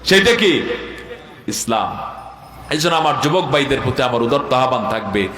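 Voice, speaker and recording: A man preaching a sermon at a religious gathering, firing rhetorical questions at the crowd, swinging between loud declaiming and low asides, and chanting Arabic lines. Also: very animated, moderate pace. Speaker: preacher at a Quran commentary gathering. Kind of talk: Bengali waz sermon. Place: outdoor religious gathering with loudspeakers. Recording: echoey public address sound.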